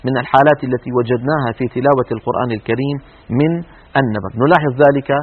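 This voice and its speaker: A man teaching Quran recitation rules in a televised lesson, explaining step by step and demonstrating with drawn-out recited words. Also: mid-range voice, fairly even intonation, slightly rough, phone-quality sound.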